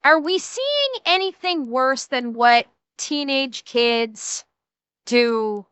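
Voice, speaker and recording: Animated sweary woman streamer. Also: high-pitched, takes it slowly, clear, resonant tone, dry recording. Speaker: streamer reacting to clips. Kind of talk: casual reaction commentary.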